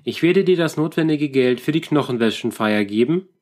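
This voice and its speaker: A man reading a storybook, voicing a bold young man who speaks up loudly. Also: a little high, animated, moderate pace, natural voice. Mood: firm. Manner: raised, blustering when annoyed.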